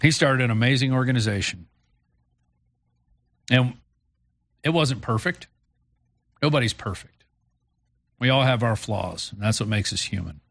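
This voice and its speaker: A man's voice: mid-range voice, unhurried, gravelly, pauses often, fairly bright tone, no room sound. An American man hosting a talk radio show, speaking informally and reflectively in a conversational way.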